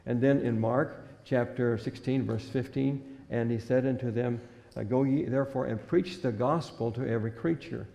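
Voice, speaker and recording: Older man, church sermon, gravelly, mellow tone, long reverb from the hall. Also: mid-range voice, normal speed. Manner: old-fashioned, earnest preaching with scripture reading. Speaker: pastor. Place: church sanctuary at a pulpit. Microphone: stand microphone at the pulpit.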